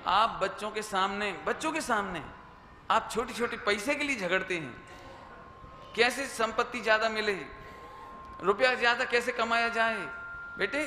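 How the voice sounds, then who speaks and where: A man giving a Jain sermon to an audience, lively and conversational, mixing in English phrases and acting out quoted lines. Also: high-pitched. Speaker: Jain preacher. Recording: echoey hall with faint noise.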